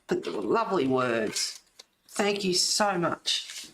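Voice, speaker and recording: A middle-aged woman with a smoker's rasp chats in a loose, rambling way. She sounds like a casual host talking to her viewers, giggly and informal. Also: fairly low pitch, big pitch swings, slow pace, slight background noise. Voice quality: raspy smoker's voice with a cough. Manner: rambling, giggly, reading aloud and replying to viewers. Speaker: host of a colouring video. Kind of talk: casual chat to live viewers.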